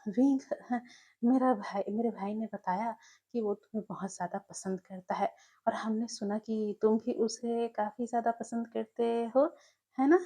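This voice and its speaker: A woman's voice: a little high, fairly even intonation, moderate pace, dark tone, lightly acted. A woman voicing a cheerful older brother who talks in a jovial, chatty way. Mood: coaxing.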